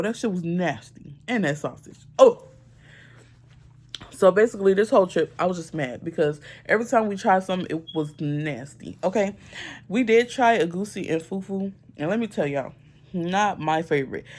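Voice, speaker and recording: Ranting, profane young woman vlogger. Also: on the low side. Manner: animated, profane, exasperated ranting; colloquial slang-heavy speech. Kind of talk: casual storytime vlog.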